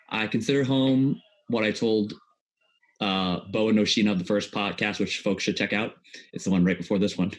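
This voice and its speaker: Relaxed, low-voiced podcast host, a man. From Vietnam. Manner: relaxed, chatty, many fillers. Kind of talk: casual podcast hosting.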